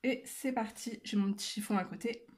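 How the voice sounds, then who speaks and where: A woman casually explaining a coloring technique step by step, talking to her viewers with frequent hesitant filler pauses and chatty asides. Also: fairly high pitch, a little mellow. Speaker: coloring tutorial creator.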